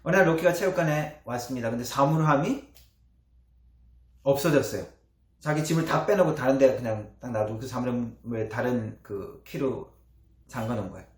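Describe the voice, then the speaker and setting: A man preaching a sermon as pastor, with earnest emphasis and soft trailing endings. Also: mid-range voice, moderate pace. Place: church sanctuary. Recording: echoey church hall.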